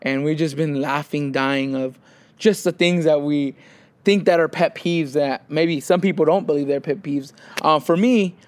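On a relaxed conversational podcast, a young man co-hosts in a fairly high voice at an even, moderate pace. His storytelling is lively, and he plays out the quoted dialogue himself.

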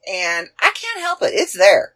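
Canadian woman, 40s, podcast host, lively pitch, bright tone, rambling casual chat. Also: measured pace. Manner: chatty, rambling, searching aloud with fillers. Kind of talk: casual chat looking back on past episodes.

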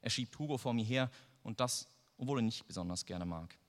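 A man's voice: mid-range voice, fairly quick. A man reading a first-person story aloud in a dry, wry manner. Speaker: narrator. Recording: long reverb.

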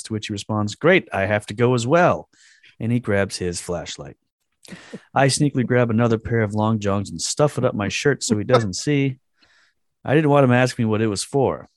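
Recorded dry and at studio quality, a medium-pitched man co-hosts a casual podcast chat. He reads a post aloud, makes crude jokes, and laughs often.

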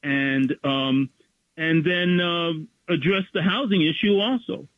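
A man's voice: fairly high pitch, takes it slowly, dry recording. A male caller on a radio show, speaking over a clipped phone line in a rambling way and urging listeners to take action. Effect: clipped, thin phone line. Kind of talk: phone-in activism.

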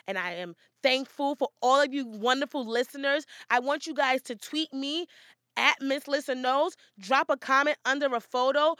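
A woman's voice: high voice, fairly bright tone, no echo, clean studio sound. A woman hosting her own podcast, talking casually and motivationally to her listeners. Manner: upbeat and motivational, chatty. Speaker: podcast host. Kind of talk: casual solo podcast monologue.

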